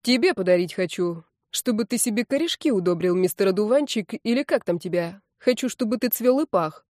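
A woman's voice: mid-range voice, animated, fairly quick, darkish tone, dry recording, studio quality, natural voice. A woman voicing a brash, mocking young male musician with a sarcastic, insolent manner.

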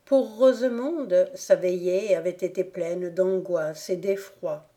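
A woman reading a classic novel aloud as an audiobook narrator, in a slow, deliberate manner. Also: on the low side, warm tone. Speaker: audiobook reader. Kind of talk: scripted narration.

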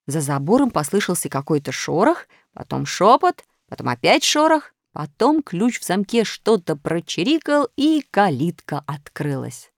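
A woman narrating a children's storybook in an expressive way. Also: on the low side, normal speed, hardly any pauses, dry recording, clean studio sound. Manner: lively, expressive. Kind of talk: audiobook narration.

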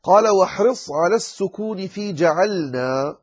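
Male scholar, slightly high and husky voice, teaching recitation rules; lecture pace, stretches out recited examples; dull lo-fi recording. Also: lively intonation. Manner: slows down to recite examples with drawn-out words. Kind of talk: explanatory lecture.

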